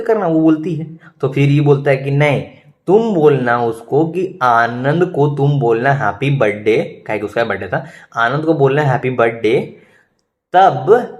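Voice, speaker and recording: A young man telling a school story in a chatty, animated way, full of asides to his listener. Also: medium pitch. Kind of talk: casual storytime vlog.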